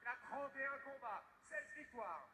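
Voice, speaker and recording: A male fight ring announcer with a very high, forceful voice rings out through a reverberant hall. He declaims each introduction emphatically and stretches out the names. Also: lively intonation, normal speed. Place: large indoor arena on a PA system. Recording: echoey hall, long reverb, some noise.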